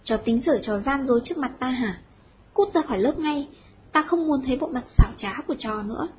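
A woman voicing a normally gentle male teacher who snaps into furious shouting. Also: high-pitched, lively intonation, brisk, slightly rough, full character voice. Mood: raging. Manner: snarling, shouting bursts. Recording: dull lo-fi audio.

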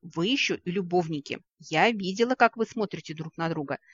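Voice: mid-range voice, fairly quick, slightly rough, no room sound, close to an everyday voice. A reader voicing a gushing jealous noblewoman. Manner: gushing, whining. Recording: dry, slightly dull recording.

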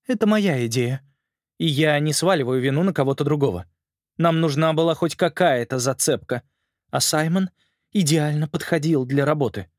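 A male reader voicing a proud, fierce female spider queen with a sharp, commanding manner. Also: a little high, normal speed, no echo, studio quality, pitched above the performer's own voice, close to an everyday voice.

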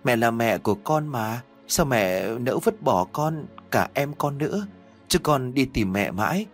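A man voicing a small ghost boy of about four who pleads slowly and reproachfully with the woman he calls his mother. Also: medium pitch, expressive, faint music behind, pitched above the performer's own voice. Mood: pleading.

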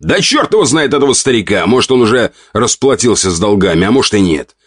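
A man's voice: fairly low pitch, very animated, fast talker, no echo, studio quality, voice pushed up. A man voicing a crude, irritable count of 48, growling and contemptuous. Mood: scornful.

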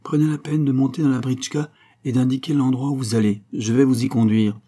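A man's voice: medium pitch, steady tone, fairly quick, dark tone, husky, pitched above the performer's own voice, close to an everyday voice. A man voicing a sour, imperious old male servant who speaks in curt, commanding orders.

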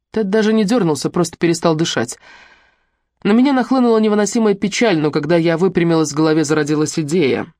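An audiobook narrator reading a first-person fantasy novel in an even, measured way. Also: medium pitch, no room sound.

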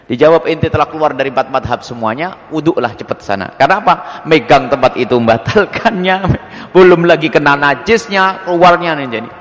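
A man preaching and answering religious questions before a congregation, acting out little scenes as he explains. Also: brisk. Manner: lively, acts out scenes with swooping pitch. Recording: long hall reverb.

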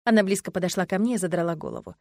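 A woman's voice: lowish voice, dry recording. Woman narrating an audiobook, dry and close. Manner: measured, expressive storytelling. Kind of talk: first-person audiobook narration.

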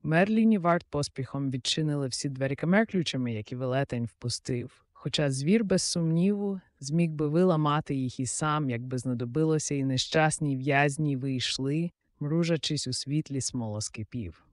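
A man narrating a fairy-tale audiobook in a lively, theatrical way. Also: fairly high pitch, normal speed, dry recording, studio quality.

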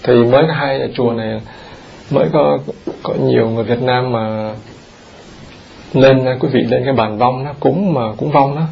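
Male monk, sermon, gravelly voice, lively questions to the audience, muffled lo-fi tape. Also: mid-range voice, moderate pace, a little hiss or hum. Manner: animated, questions the audience often. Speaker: Buddhist monk teaching. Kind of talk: dharma talk sermon. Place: temple hall.

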